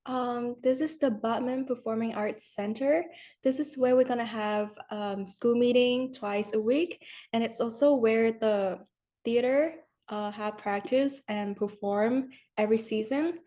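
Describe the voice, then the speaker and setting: Young female student guide from Vietnam, slightly high, mellow, hesitant. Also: unhurried. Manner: hesitant, many "um" and "like". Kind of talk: informal campus tour narration.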